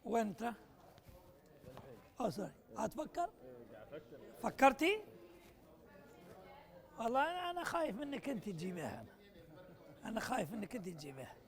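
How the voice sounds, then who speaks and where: With a very animated, creaky, high-pitched voice, a man hosts a puzzle activity at a conference workshop, talking fairly quickly but leaving long pauses. He teases and spurs on the participants in a mix of Arabic and English.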